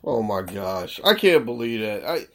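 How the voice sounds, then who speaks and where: A man co-hosting a casual sports podcast, animated and quick to laugh. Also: fairly low pitch. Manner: laughs often, animated and teasing. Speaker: podcast co-host.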